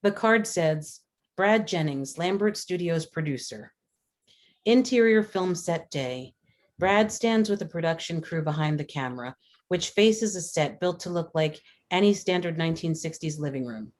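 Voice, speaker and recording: At a table read, the woman handling stage directions narrates scene headings and action lines in an animated way and at normal speed, her voice deep-set.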